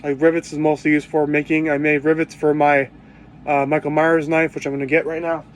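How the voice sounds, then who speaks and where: A man with a sore throat talking low in a casual cosplay tool tutorial vlog, rambling and hunting for words with many fillers. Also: little pitch movement, brisk, a little hiss or hum. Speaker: cosplay vlogger.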